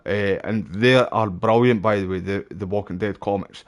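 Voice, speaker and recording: A man's voice: on the low side, moderate pace. A man with a Glasgow street accent chats casually as he plays a game. He rambles along in local slang, with cheeky, sweary banter aimed at whoever is in front of him. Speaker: gaming streamer. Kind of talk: casual gameplay commentary, rambling chat.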